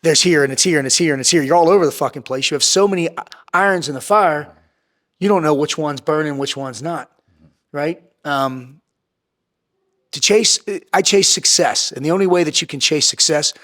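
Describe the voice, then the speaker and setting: A fairly high-pitched man talks in a blunt, fired-up way, peppering every thought with profanity and repeating lines for punch. He lurches between quick bursts and slower, drawn-out phrases, like a podcast guest laying it all out. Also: a bit bright. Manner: blunt, intense and heavily profane, with emphatic repetition. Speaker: podcast guest, entrepreneur and former Navy SEAL. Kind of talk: candid podcast interview.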